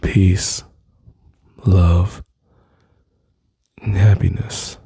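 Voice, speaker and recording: Man, dark husky voice, intimate soothing whisper-talk, dry close mic. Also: sits low, flat delivery, very slow, no echo. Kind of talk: soft-spoken ASMR comfort roleplay.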